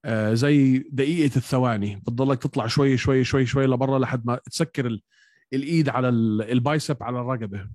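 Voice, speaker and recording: A man's voice: mid-range voice, fast talker, a little mellow, no room sound, studio quality. A man with a Levantine Arabic accent co-hosting a casual sports chat, explaining technique in everyday words. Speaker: co-host of an MMA podcast.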